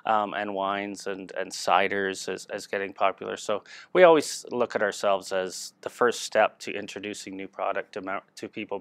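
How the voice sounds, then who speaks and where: A middle-aged man speaks for his industry in a studio interview, his voice low-pitched. The sound is dry and close on a lapel mic, and he stumbles through fillers and repeated words as he explains. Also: fairly bright tone, dry recording. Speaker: restaurant industry spokesman. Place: small TV studio.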